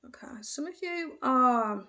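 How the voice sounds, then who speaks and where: A woman's voice: sits high, animated, measured pace, sharp tone, a little hiss or hum. A woman giving a casual tarot reading, talking intuitively and hesitantly with restarts and "I feel" phrases. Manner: hesitant, hedging with frequent fillers and restarts. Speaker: tarot reader.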